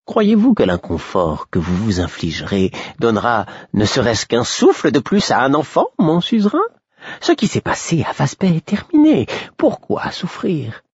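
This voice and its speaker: A man voicing a sorrowful, prophetic male court jester for an audiobook, reciting grim visions in a flat, listing tone. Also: mid-range voice, normal speed, slightly rough, no echo, highs cut off, pitched above the performer's own voice, heavily acted. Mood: pleading. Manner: flat, listing tone, rising to pleading. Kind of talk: audiobook reading.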